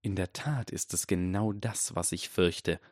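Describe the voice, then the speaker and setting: A man's voice: sits low, a little mellow, no echo, studio quality. Lucius Malfoy, a silky cold aristocrat, read by a man. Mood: icy. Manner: icy, measured and menacing.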